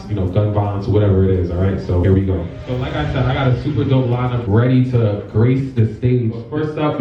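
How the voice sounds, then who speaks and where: A man's voice: mid-range voice, warm tone. A man hosting a live event, giving a casual, conversational introduction from the stage in an informal way. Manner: informal, conversational, peppered with 'you know'. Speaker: event host and organizer. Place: indoor live show stage. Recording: echoey venue, distant dull mic.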